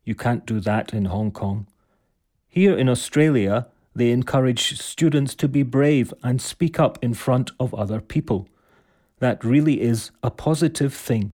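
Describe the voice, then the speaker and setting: A man plays a thoughtful father from Hong Kong in a listening-test clip. His mid-pitched voice sounds warm and mellow. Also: a little slow, close to an everyday voice. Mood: approving. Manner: thoughtful, approving. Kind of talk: scripted testimonial for a listening test.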